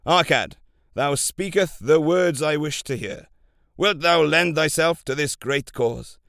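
Guy doing a bossy old-time king, loud and regal, pretty dry sound. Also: fairly high pitch, measured pace, no echo, voice pushed up. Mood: eager. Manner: demanding, regal. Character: commanding ancient male king.

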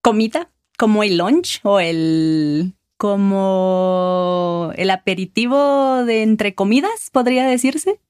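A woman's voice: mid-range voice, slow pace, a little mellow, smooth, no room sound, clean studio sound. A woman from Guatemala with a Guatemalan Spanish accent, a guest in a casual conversation who patiently explains local words with examples.

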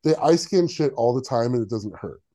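Male podcast co-host, mellow low tone, sarcastic, opinionated riffing. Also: expressive, brisk. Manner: sarcastic, opinionated, lots of fillers. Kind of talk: casual chat.

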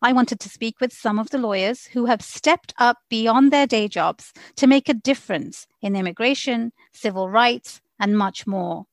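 A woman's voice: a little high, normal speed, few pauses, no room sound. A woman, an immigration attorney, hosting and interviewing on her podcast in an upbeat, welcoming way.

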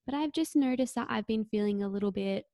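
A young woman, co-hosting a podcast and speaking in a warm, reflective way. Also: mid-range voice, quick pace, dry recording, clean studio sound. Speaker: podcast co-host. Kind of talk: casual chat.

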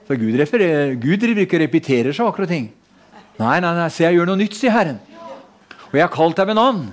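A man's voice: extremely high pitch, a bit bright. A man preaching a fervent prophetic sermon, speaking in God's voice and calling out hallelujah. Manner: fervent, speaks in the first person for God, exclaims hallelujah.

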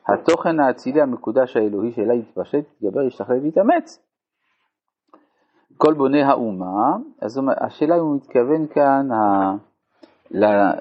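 A man's voice: mid-range voice, slight background noise. A man teaching a Torah lesson to a live group, reading a passage aloud and explaining it phrase by phrase. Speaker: rabbi teaching a text. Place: community study hall. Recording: dull lo-fi recording.

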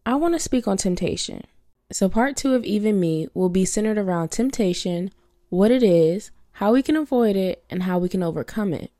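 On a faith-based podcast, a young woman with a cold preaches earnestly and keeps repeating her main points. Her medium-pitched voice is mellow, captured in a dry, clean studio recording.

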